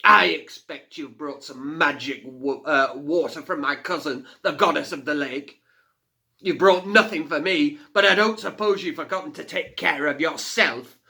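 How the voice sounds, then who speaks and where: A man's voice: fairly high pitch, normal speed, gravelly, bright, forceful tone, voice pushed up, exaggerated voice. A man voicing Razvani, a mocking male fire spirit who roars and laughs in a storybook reading. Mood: commanding.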